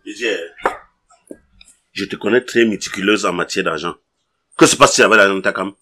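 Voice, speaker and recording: A man's voice: deep voice, a little fast, pushed and bright. A man playing a firm older relative who admonishes the quarrelling siblings in a comedy sketch. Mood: stern. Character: stern older male relative mediating.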